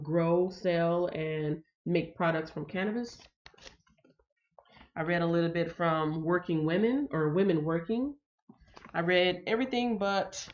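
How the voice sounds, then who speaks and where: With the highs cut off, this lowish, somewhat mellow voice comes from a livestream host with a touch of congestion. She casually talks with viewers, reads their comments, and says "um" often.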